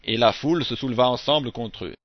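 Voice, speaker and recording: A man giving a scripted Bible reading in a measured, even delivery, phrase by phrase. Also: mid-range voice, dry recording. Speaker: scripture reader. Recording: dull, dry close recording.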